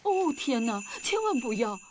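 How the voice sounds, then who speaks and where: A woman voicing a kind, teasing mother pig in a children's cartoon dub, playful and full of expressive mock drama. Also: fairly high pitch, moderate pace, slight background noise. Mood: mock distress. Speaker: cartoon character.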